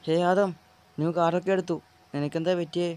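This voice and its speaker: A man's voice: sits high, steady tone, a little fast, a little mellow, close to an everyday voice. A man voicing a loyal, playful best friend in an amateur dub of a game short film. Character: loyal male best friend, cheerful and teasing.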